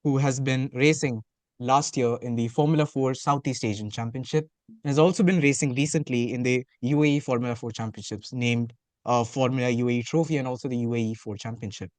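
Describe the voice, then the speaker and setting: A man's voice: medium pitch, brisk, no echo. A man hosting a podcast, opening formally and asking long rambling questions. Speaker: podcast host.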